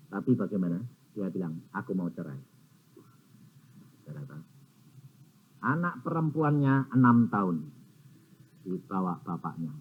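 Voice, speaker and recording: A man preaching a sermon, telling stories animatedly and acting out both sides of conversations. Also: on the high side. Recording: tinny phone-like sound with faint noise.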